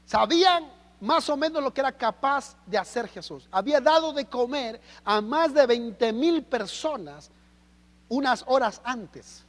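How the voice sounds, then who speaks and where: A Mexican man preaching a sermon as pastor, animated and full of rhetorical questions. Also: very high-pitched, a little slow, in a large hall. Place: church hall.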